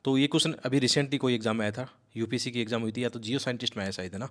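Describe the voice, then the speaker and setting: Fast-talking man teaching exam prep. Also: medium pitch, steady tone, fairly bright tone. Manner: rapid, emphatic, coaxing students, mixes English words. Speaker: civil service exam coaching teacher. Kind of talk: fast explanatory lecture.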